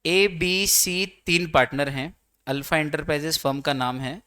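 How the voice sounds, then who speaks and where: A man's voice: a little high, moderate pace, pushed and bright, smooth, dry recording, studio quality. A man teaching law in an exam-prep lecture, chatty and teasing, slipping English terms into his explanations.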